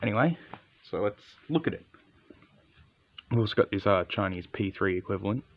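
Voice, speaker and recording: Male product reviewer, low gravelly voice, understated and casual, slightly dull camera audio. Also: lively intonation, fairly quick, slight background noise. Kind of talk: casual, unscripted hands-on review.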